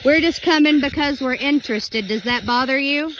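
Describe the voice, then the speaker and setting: Woman ghost hunter asking questions into the air, high voice, lots of noise on it. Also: normal speed, a bit bright. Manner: addresses unseen listeners with direct questions. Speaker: paranormal investigator. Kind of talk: casual spirit-questioning session. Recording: noisy field recording.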